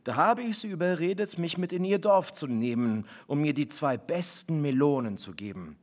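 A man's voice: a little high, animated, normal speed, lightly acted. A man reading aloud, voicing a cheerful, defiant father who speaks jauntily. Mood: amused.

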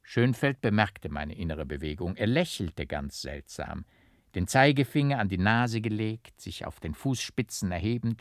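A man reads a literary novel aloud in a measured, dramatic way, with a lowish voice. The sound is dry and close, with no room echo. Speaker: audiobook narrator. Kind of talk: scripted literary narration.

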